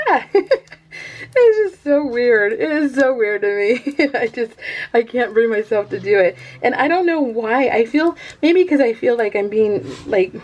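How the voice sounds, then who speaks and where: An American craft vlogger chats casually with viewers while showing a project, rambling, giggling and poking fun at herself. Her fairly high voice comes through lo-fi, and she often trails off mid-thought.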